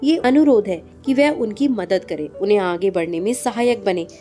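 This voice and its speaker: A woman's voice: medium pitch, expressive, moderate pace, mellow. A woman narrating a scripted family story steadily, addressing listeners as friends. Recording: faint music behind.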